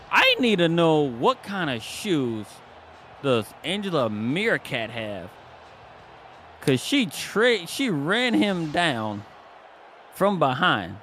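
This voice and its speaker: A man doing chatty color commentary for a simulated football broadcast, playful and animated, often repeating words as he talks. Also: on the high side, slight background noise. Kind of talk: sports commentary.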